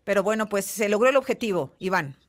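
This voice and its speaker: A woman's voice: mid-range voice, lively intonation, fast talker, heavy background noise. A woman news anchor, interviewing a guest by phone and reacting with empathetic interjections. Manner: warm, empathetic, sympathetic interjections.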